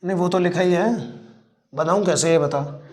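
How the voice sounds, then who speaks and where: A male teacher who teaches a chemistry class, fondly teasing and mock-scolding his students while slowly spelling out formulas step by step. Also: sits high, steady tone, darkish tone. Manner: affectionate, teasing and scolding, calls students "beta".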